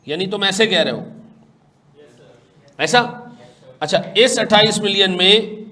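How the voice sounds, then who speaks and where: A man teaching an accounting class. He talks briskly, keeps questioning his students and explains with homely everyday examples. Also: high voice, sharp tone. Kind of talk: classroom lecture.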